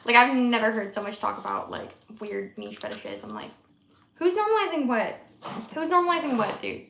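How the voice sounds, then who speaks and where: A woman streamer gives rambling, swear-laced live commentary while reacting to a video. Her voice sits slightly high with a gravelly edge. The sound is echoey, with a faint hiss behind her. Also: huge pitch swings, normal speed, fairly bright tone. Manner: rambling, swears, many "like" fillers. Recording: echoey room, faint noise.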